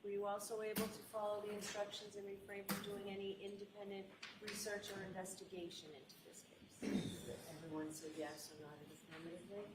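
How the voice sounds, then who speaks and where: A woman's voice: mid-range voice, level tone, brisk. American woman judge in a noisy, echoey room. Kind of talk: formal courtroom instructions. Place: indoor courtroom. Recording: echoey courtroom, distant mic, loud noise.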